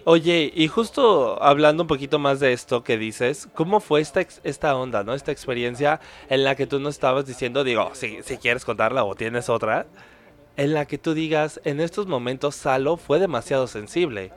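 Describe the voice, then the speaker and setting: A man's voice: mid-range voice, moderate pace. A man hosting a podcast, talking casually and ending many points with "¿no?". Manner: conversational, many fillers and "no?" tags.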